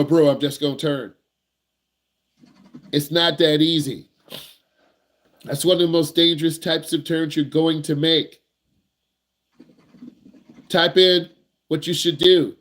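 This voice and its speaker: A driving instructor talks straight to the camera with plenty of energy and emphasis. His voice is high for a man, and now and then he puts on a nervous student's voice. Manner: animated, emphatic, acts out nervous students in a higher voice.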